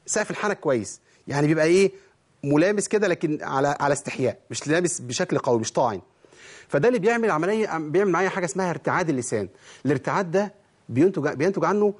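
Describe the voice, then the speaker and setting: A man's voice: on the high side, a little mellow. A man with an Egyptian Arabic accent teaching tajweed rules, quizzing his listeners and answering his own questions. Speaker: Quran recitation teacher. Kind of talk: tajweed lesson.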